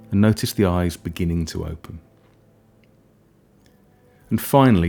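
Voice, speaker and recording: A man guiding a hypnosis session in a soft, soothing, breathy and unhurried voice, leaving gentle pauses between phrases. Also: low-pitched.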